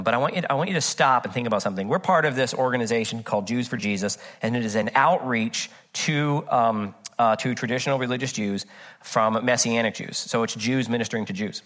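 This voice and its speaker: A man's voice: mid-range voice, a bit bright. A man preaching a conversational sermon, reading scripture aloud and telling personal stories with frequent "uh" fillers. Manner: earnest and chatty, with frequent "uh, uh" fillers; tells personal anecdotes with humor. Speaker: pastor.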